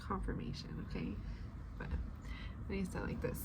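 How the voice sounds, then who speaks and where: A woman's voice: lowish voice, big pitch swings, moderate pace. Rambling stoner-style woman, noisy background. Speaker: tarot-style spiritual advice reader. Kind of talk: casual chatty spiritual reading.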